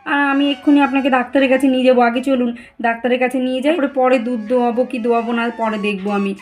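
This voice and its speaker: A woman's voice: sits high, steady tone, very fast, darkish tone, lightly acted. Woman voicing a worried young daughter-in-law. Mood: insistent. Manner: urgent, worried questioning. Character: young village daughter-in-law, anxious and caring. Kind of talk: doll-cartoon voice acting.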